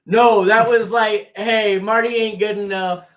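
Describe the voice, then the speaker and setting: High-pitched male co-host, rambling and excitable, casual wrestling chat. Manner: rambling, fast restarts, excitable when teasing. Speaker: podcast co-host.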